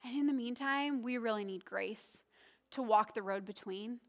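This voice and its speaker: A woman's voice: a little high, normal speed, a bit bright. A woman pastor preaching a sermon in a conversational, earnest way, often asking the listeners questions.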